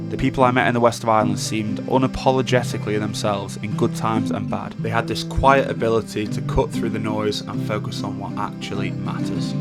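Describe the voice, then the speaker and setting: Male narrator, young, low and thoughtful, guitar music behind. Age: young adult. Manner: calm, measured, thoughtful. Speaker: documentary narrator. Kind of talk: reflective scripted narration.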